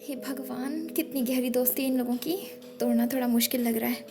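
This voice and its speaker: A woman's voice: high voice, fairly even intonation, a little fast, pitched below the performer's own voice. A woman voicing a jealous, scheming young man who snaps angrily in a story reading. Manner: angry, sharp retorts. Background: background music.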